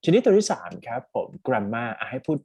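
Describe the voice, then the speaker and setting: Thai male speaking tutor on a call, husky and lively, chatty. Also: medium pitch, fairly quick, no room sound. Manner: chatty, mixes English terms into his talk. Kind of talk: casual one-on-one coaching.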